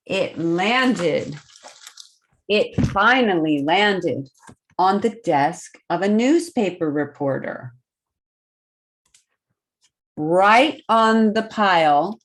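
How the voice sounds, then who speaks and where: Reading a picture book to kids, this medium-pitched woman hosts storytime with expressive, deliberate delivery. Her language stays simple, and she stops now and then to put questions to the children.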